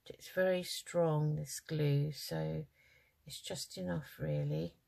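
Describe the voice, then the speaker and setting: A woman's voice: sits low, steady tone, takes it slowly, gravelly, darkish tone. A middle-aged woman hosting a craft channel, talking casually and hesitantly through her project with many ums, tired and yawning. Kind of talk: casual crafting tutorial chat.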